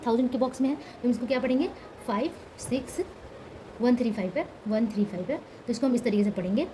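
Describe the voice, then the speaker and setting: A woman's voice: fairly high pitch, warm tone, slight background noise, rough recording. A woman teaching a lesson, explaining step by step, asking questions and repeating key words, with English number words mixed into her speech.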